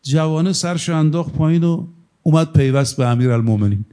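A man preaches with a fairly high voice and tells stories. He builds points with sudden upward jumps in pitch. His delivery stays emphatic. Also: animated, mellow, clear, resonant tone. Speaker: cleric preacher. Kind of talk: sermon.

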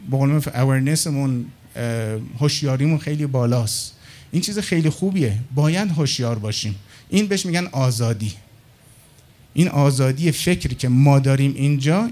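Animated middle-aged man telling stories. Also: on the high side. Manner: animated, acts out dialogue with others in his anecdotes. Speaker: storyteller. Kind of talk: casual storytelling monologue.

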